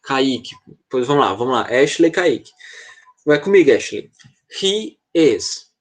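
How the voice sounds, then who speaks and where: A man with a Brazilian Portuguese accent teaches English to children in an online class over a video call. His medium-pitched voice is very animated and unhurried as he explains patiently and checks in with them often.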